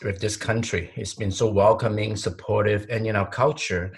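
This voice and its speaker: Husky-voiced man. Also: on the low side, steady tone. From Hong Kong. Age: 40s. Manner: sincere, measured, with some repeated words. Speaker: interview guest, company president. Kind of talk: conversational podcast interview.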